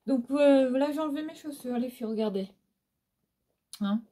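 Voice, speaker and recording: A woman's voice: sits high, normal speed, dark tone. A middle-aged woman from Réunion with a Réunionese Creole accent, chatting casually at home about used-up beauty products, full of fillers and tag questions. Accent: Réunionese Creole French. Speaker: beauty vlogger. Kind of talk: casual product review chat. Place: at home, indoors.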